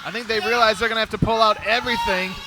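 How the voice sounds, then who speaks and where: A man doing excited live wrestling play-by-play as a commentator, often breaking into exclamations and shouts. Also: high-pitched, racing, loud music behind the voice, poor audio. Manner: exclamatory, shouting at the big moves.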